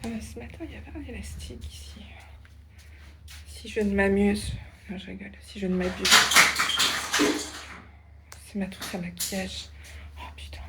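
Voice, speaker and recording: A woman's voice: mid-range voice, fairly quick, creaky, pauses often, very noisy. A woman with a slight lisp on her s sounds, chatting casually as the host of a livestream.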